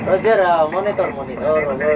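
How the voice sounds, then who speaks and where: A man's voice: fairly high pitch, fairly quick. A man working as a ship radio operator, making a formal call over the radio. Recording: distant muffled radio in news footage with loud noise.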